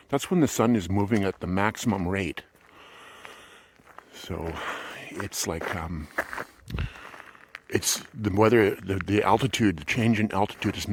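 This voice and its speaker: Middle-aged guy rambling on a walk outside, lowish voice, bit of faint noise behind. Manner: rambling, thinking aloud with many restarts. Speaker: vlogger. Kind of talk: casual walk-and-talk vlog. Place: outdoors on a walk.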